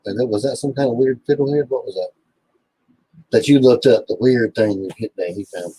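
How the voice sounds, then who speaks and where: A man's voice: medium pitch, fairly quick, dark tone, breathy edge, dry recording, poor audio. A man co-hosting a casual farm livestream, bantering in an offhand way. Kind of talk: casual chat.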